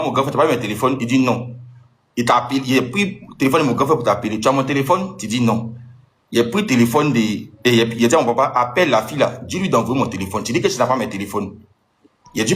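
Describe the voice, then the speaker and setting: Fast-talking man, agitated. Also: mid-range voice. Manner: agitated, rapid storytelling with rising outbursts. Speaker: social media personality. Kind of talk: angry monologue addressed to an ex-partner.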